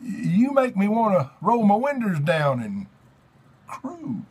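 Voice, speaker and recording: A hammy theatrical actor, put on by a man, declaims song lyrics in a mock dramatic reading. The voice is husky and fairly high, swinging widely in pitch, with slow, drawn-out phrasing. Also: huge pitch swings, a little mellow, heavily acted. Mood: theatrical, swooning. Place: small indoor room with racks of electronic equipment.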